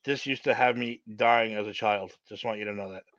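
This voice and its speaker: Male podcast co-host, quick, slangy, emphatic repeats, dull lo-fi sound. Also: fairly low pitch, fairly even intonation, a bit bright, no room sound. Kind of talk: casual chat, reacting to clips. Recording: dull, dry lo-fi mic.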